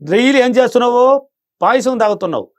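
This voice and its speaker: A man teaching as a spiritual guide, emphatic and animated, who repeats his lines and laughs often. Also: very high-pitched, quick pace, dry recording. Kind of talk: animated explanation.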